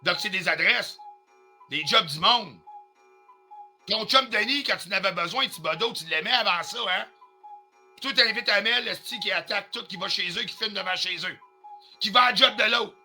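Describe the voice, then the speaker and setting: A man's voice: sits high, moderate pace, sharp tone, soft background music. A man with a Quebec French accent ranting on a live stream, confrontational and heated, swearing often and dropping in English phrases. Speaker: livestreamer.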